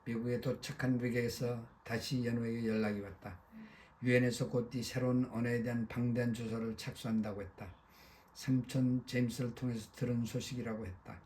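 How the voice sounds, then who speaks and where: Flat-toned male audiobook narrator. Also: medium pitch, brisk, slight background noise.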